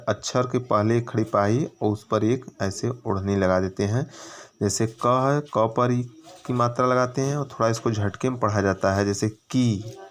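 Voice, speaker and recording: A man teaching young children in in a patient, explanatory way, stretching out each syllable as he demonstrates it. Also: medium pitch. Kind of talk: children's lesson on Hindi vowel signs.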